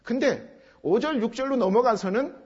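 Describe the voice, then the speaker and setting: A man's voice: extremely high pitch, normal speed, husky. A man preaching an expository sermon, explaining step by step and driving points home with emphatic repetition. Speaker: pastor. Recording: dull sound with long hall reverb.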